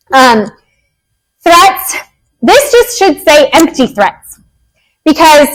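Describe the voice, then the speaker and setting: A woman's voice: high-pitched, low-quality recording. A woman behavior analyst giving a casual, joking, direct talk on parenting.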